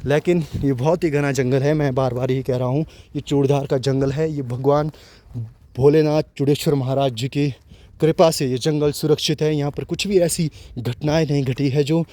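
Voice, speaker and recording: A man's voice: mid-range voice, steady tone, moderate pace, no room sound. Chatty man vlogging in a forest. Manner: chatty, talks loudly to warn animals. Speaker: nature vlogger. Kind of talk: walking forest vlog narration. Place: dense forest outdoors in light drizzle.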